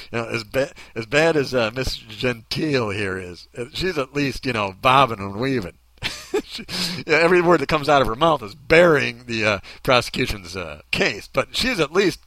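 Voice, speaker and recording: A man's voice: mid-range voice, lively intonation, moderate pace, pushed and bright, no echo. A man hosting a podcast in casual commentary, joking and self-mocking. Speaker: podcast host.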